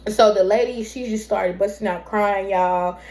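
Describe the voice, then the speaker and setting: A woman's voice: medium pitch, fairly even intonation, moderate pace, a little mellow. A young woman telling a personal story in a casual, rambling way, often calling her viewers "y'all".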